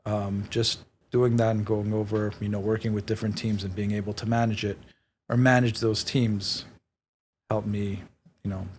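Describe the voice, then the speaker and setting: A man born in Israel and raised in New York talks as a podcast guest. His voice is low and very flat, and he speaks hesitantly and modestly, pausing often. Faint noise sits under the recording. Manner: hesitant, many fillers and restarts, modest. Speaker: guest, real estate company president. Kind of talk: podcast interview.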